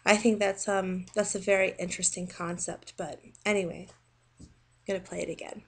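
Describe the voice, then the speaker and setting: A woman with a Southern American accent, talking casually in a video response, with many pauses and restarts. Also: mid-range voice, level tone. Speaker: video blogger.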